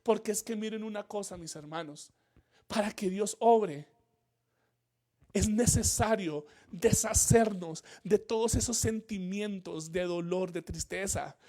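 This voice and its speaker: A man's voice: high voice, unhurried, warm tone. A male pastor preaching a sermon, earnest, repeating key phrases and rising in emphasis. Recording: church livestream.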